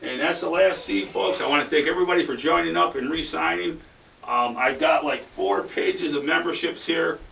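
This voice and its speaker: A man's voice: fairly high pitch, gravelly, sharp tone. A man hosting a seed giveaway drawing in a folksy, chatty way, drawing out the winners' names as he reads them. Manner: folksy, chatty, announces names with drawn-out emphasis. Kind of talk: casual chat. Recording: home recording from a distance with faint hiss.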